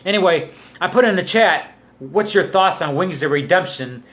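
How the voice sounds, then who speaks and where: A man's voice: high voice, animated, normal speed, fairly bright tone. A man giving a casual, rambling commentary rant as a vlogger, in a crude, scornful, swearing manner. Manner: crude, profanity-laden, scornful. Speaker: YouTube vlogger.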